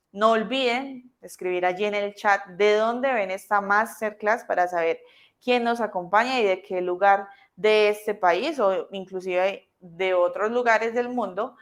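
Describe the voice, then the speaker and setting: A young woman teaching an online class, explaining things patiently and mixing English and Spanish. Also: medium pitch.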